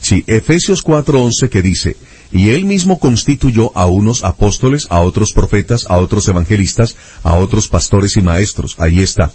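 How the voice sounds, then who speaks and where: A man's voice: fairly low pitch, expressive, normal speed, a little mellow, breathy edge. A man interviewing a guest, reading Bible verses aloud and looking up references as he goes. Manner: methodical, reads verses aloud while searching references. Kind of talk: reading scripture aloud in conversation.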